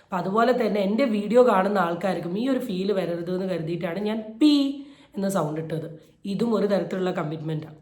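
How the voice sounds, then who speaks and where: In an echoey, roomy recording, this woman comments on a viral video for her YouTube audience. She speaks quickly in a lowish, slightly mellow voice, and her indignation shows in emphatic, repeated phrases meant to drive her points home.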